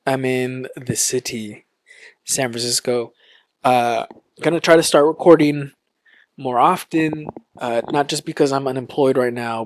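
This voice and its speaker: A man hosting his own podcast in a relaxed, casual way, with lots of ums and likes. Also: mid-range voice, no room sound, clean studio sound. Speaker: podcast host. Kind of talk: casual solo podcast chat.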